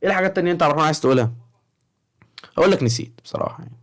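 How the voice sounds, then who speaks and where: A young man with an Egyptian Arabic accent, talking to high school students in a casual, rambling vlog and often checking in with the viewer. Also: very fast. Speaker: study-advice vlogger for high school students.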